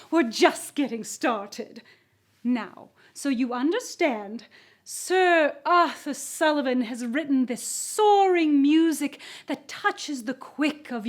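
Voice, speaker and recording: A woman hosting a musical soiree with a gushing, affected manner, dropping French phrases as she introduces the performers. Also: high-pitched. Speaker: host of a musical evening. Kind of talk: theatrical hostess introduction.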